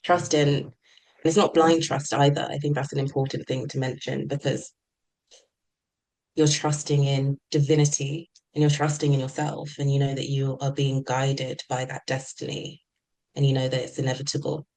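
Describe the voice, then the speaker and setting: A woman hypnotherapist answering interview questions in a calm, flowing, gently spiritual way. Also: rumbling low, normal speed, low-quality recording. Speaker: hypnotherapist guest. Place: remote call.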